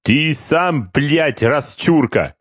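A cocky Georgian soldier with a thick Georgian accent needles his card partner in broken grammar, as a male reader puts him on. His voice sits high and proud. The sound is dry and close. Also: expressive, extremely slow, no room sound, exaggerated voice. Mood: cocky needling.

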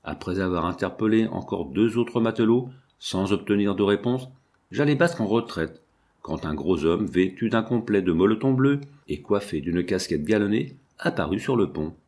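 A man reading a novel aloud as an audiobook narrator, in steady, measured storytelling. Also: on the low side. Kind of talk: scripted narration.

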